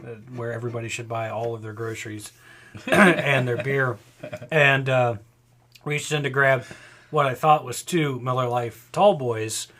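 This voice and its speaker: A man's voice: mid-range voice, fairly even intonation, a little slow. Rambling man telling bar stories. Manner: rambling storyteller, acts out loud quoted voices. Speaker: podcast co-host. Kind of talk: casual drinking chat.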